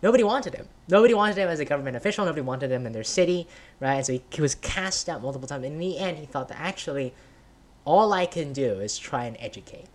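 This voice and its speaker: A man's voice: fairly high pitch, lively intonation, fast talker. A man speaking as a podcast guest in casual conversation, rambling and filling his talk with "right?", "like" and "sort of", often laughing.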